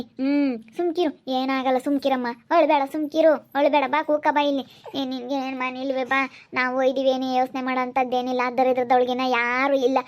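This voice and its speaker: A woman's voice: sits high, close to an everyday voice. A woman with a rural Chitradurga Kannada accent, acting a caring mother who comforts and lectures her crying daughter in a village family drama. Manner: soothing, lecturing. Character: caring mother, firm and soothing, scolds enemies.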